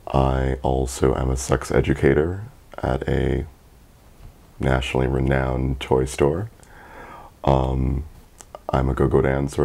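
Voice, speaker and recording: Young man, interview subject: extremely deep, flat, gravelly, dark, matter-of-fact. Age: 20s. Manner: matter-of-fact self-introduction. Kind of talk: documentary interview.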